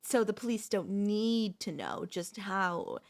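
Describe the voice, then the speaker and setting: A voice actress plays a possessive, manipulative wife in an ASMR roleplay, addressing the listener with sweet condescension in a slow, theatrical delivery. Her medium-pitched voice is expressive and gravelly, and her mood is accusing and condescending.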